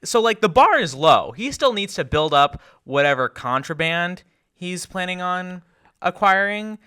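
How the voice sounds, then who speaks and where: A young man co-hosting a podcast, chatting in quick animated rambling bursts. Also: high voice, smooth. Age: young adult. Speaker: podcast co-host. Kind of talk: casual chat.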